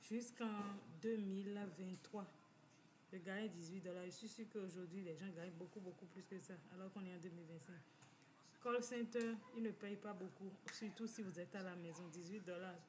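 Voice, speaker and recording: A woman's voice: medium pitch, normal speed, noisy background. A woman speaking casually in a personal testimonial monologue, repeating words for emphasis and slipping in English terms. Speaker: host.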